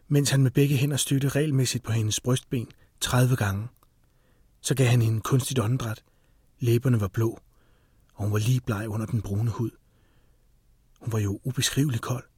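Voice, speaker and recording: Casting: a man narrating a thriller, mid-pitched and husky, plain middle range. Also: no echo, studio quality. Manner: steady, tense storytelling. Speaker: audiobook narrator. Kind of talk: scripted narration.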